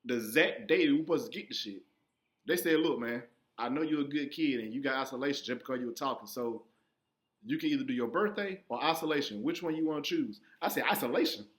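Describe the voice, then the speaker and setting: A young man telling a profane stand-up story, acting out his younger self in sudden high squeaky voices. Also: fast talker, a bit bright. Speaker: stand-up comedian.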